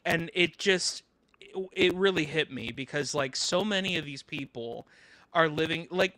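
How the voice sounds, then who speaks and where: A man's voice: on the high side, pushed and bright, no echo. A man talking in a casual podcast chat, rambling and restarting often while his microphone keeps cutting in and out with a loose cable crackle. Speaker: podcast co-host. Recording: dry close mic with a loose cable crackle.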